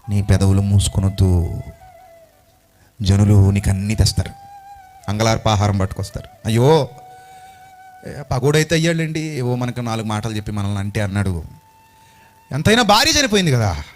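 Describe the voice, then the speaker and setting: Impassioned male preacher, very animated. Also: fairly high pitch. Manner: impassioned, fires rhetorical questions at the congregation. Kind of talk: emotional sermon.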